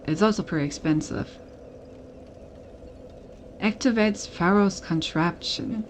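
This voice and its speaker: A woman game streamer, her voice on the low side, gives casual commentary on her gameplay. She thinks aloud and reads the on-screen text, with a little hiss or hum in the audio.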